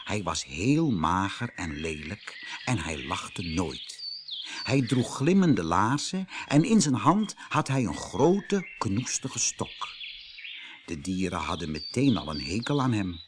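Slow, lively man reading a storybook. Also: deep voice, noisy background. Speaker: narrator.

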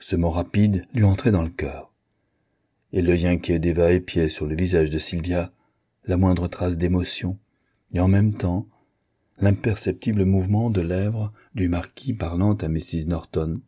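A man narrating a classic novel as an audiobook in a measured, even reading. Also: low-pitched, breathy edge.

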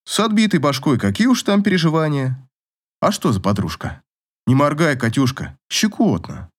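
A man's voice: a little high, very animated, moderate pace, slightly rough. An actor playing a sardonic, swearing man who teases and mocks. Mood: mocking. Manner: mocking, swears.

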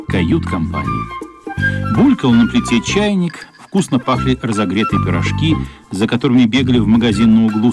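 A male actor with a gravelly, mid-range voice narrates a children's radio play as a thoughtful storyteller. His manner is expressive, lyrical and literary.

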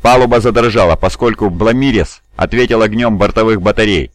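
A man narrating an audiobook in a steady reading voice. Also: fairly low pitch, fairly quick, dry recording. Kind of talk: scripted narration.

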